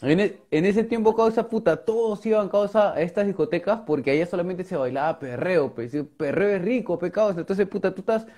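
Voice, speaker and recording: A man's voice: high voice, a little fast, hardly any pauses, warm tone. A man with a Peruvian accent telling crude stories in casual chat, full of slang. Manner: crude, slang-heavy storytelling.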